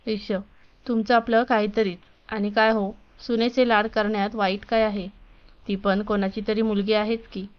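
A woman voicing a caring, gentle middle-aged mother-in-law in a story reading. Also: medium pitch, little pitch movement, normal speed, close to an everyday voice. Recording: dull lo-fi recording.

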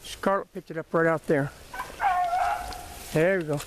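A man's voice: a little high, steady tone, unhurried. A man with a Southern US accent giving casual running commentary on a hunt while filming outdoors. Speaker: hunter filming a rabbit hunt. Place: outdoors in brushy woods. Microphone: handheld camera held by the speaker. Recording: outdoor handheld camera, faint noise.

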